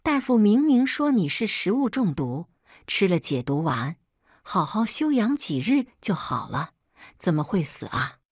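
A woman voicing an indignant, loyal young maid in a storybook reading, protesting in a high, fretful voice. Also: huge pitch swings, moderate pace, darkish tone, slightly rough, no echo, clean studio sound, full character voice.

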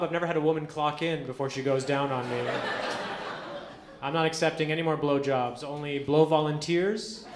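A man performing a stand-up comedy set on a club stage, telling stories in a deadpan way and acting out quoted dialogue. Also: fairly high pitch. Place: comedy club stage before a live audience. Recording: roomy club with audience noise.

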